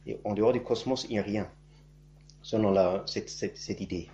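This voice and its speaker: Speaking in a low, warm male voice, this priest-monk, whose first language is German, gives an oral catechesis. He hesitates and hunts for words, tacking "hein" onto his phrases, and the audio comes across dull.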